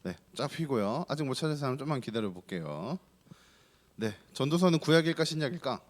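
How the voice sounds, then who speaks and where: A man's voice: mid-range voice, big pitch swings, fairly quick. A man preaching as pastor to a group of children, keeping them engaged with questions and playful teasing. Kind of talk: children's sermon.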